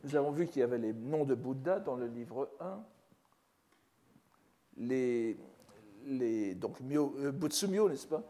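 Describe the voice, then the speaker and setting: An older man giving a scholarly lecture as a professor, measured and careful, often restarting phrases and adding rhetorical asides. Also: medium pitch, lively intonation, mellow. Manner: measured, scholarly, with frequent restarts and "n'est-ce pas". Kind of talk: academic lecture. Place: lecture hall.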